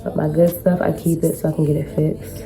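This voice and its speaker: A woman with a low-pitched voice talks through a haul for her vlog. Her delivery is casual and rambling, full of informal slang. Music plays along behind her voice. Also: flat delivery, brisk. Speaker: vlogger showing a shopping haul.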